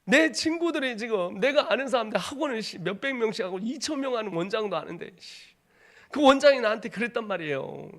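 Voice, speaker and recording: Korean missionary guy preaching, high voice that jumps all over, acts out every bit of the story. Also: lively intonation, a little fast. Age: 30s. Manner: dramatic storytelling, acts out voices, swings from hushed to shouting. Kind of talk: sermon with personal testimony.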